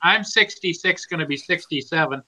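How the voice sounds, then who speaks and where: Bright-toned wry man in his sixties. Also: fairly high pitch, moderate pace, poor audio. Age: 60s. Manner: wry joker, stammers on repeats. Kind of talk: casual chat on a live stream.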